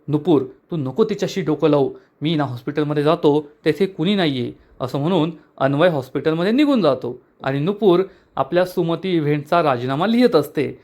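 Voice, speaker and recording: A man's voice: a little high, a little mellow. A man narrating a recap of a television serial episode, reading every character's lines in the same narrating voice. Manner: retells dialogue of all characters in one narrating voice.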